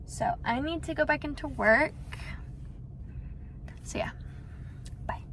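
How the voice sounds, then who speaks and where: A woman's voice: sits high, slow, gravelly, fairly bright tone, slight background noise, poor audio. A young woman in her twenties giving chatty, gushing reading updates in a casual vlog. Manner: gushing, chatty, lots of fillers. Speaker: book vlogger.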